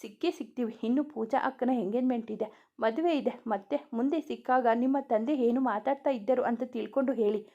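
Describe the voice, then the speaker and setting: A woman's voice: a little high, brisk. A woman reading the lines of a playful young woman who teases and jokes with her family and friends. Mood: teasing. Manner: teasing, lively banter. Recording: dull lo-fi recording.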